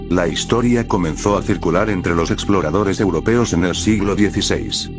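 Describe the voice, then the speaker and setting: A man reading scripted nature documentary narration in a measured, explanatory storytelling manner. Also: sits low.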